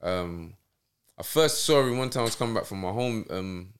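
A man's voice: lowish voice, expressive, moderate pace. A man with a South London accent chatting casually as an interview guest, using street slang and often checking the listener follows. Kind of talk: casual anecdotal chat.

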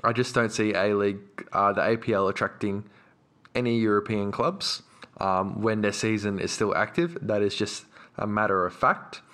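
An Australian man with a fairly low voice. He is a podcast panellist putting his case in casual debate. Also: normal speed, a bit bright.

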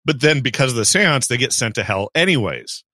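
A man with a bright, forceful voice talks through a film's plot on a casual podcast, explaining things at length with little asides. The sound is dry and close, with no room around it. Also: medium pitch, lively intonation, a little fast, dry recording. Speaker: podcast co-host. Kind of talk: casual movie discussion.

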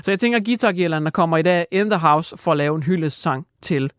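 High-voiced man hosting a comedy show. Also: a bit bright. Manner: mock-serious, rambling with fillers. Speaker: comedy radio host. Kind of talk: satirical comedy radio bit. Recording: music playing behind.

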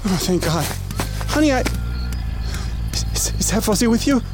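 A man's voice: sits high, animated, normal speed, over music. An actor playing a frightened, protective middle-aged father in a horror audio drama, stammering, swearing and exclaiming. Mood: confused alarm.

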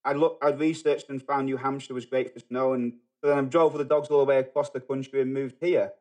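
A middle-aged man from England with a Manchester accent, talking as a podcast guest in a halting way, full of fillers and restarts. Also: mid-range voice, fairly even intonation, darkish tone. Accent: Manchester English. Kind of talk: casual podcast conversation.

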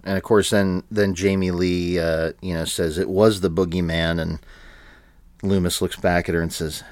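A man co-hosting a podcast in casual chat, laughing often and filling pauses with ums and restarts. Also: low-pitched, flat delivery, darkish tone, dry recording. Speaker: podcast co-host.

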